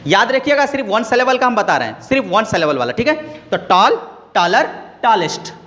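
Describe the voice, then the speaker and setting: High, lively-voiced male grammar teacher. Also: big-room sound. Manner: explains slowly, repeats key words, quizzes listeners. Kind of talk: classroom grammar lesson.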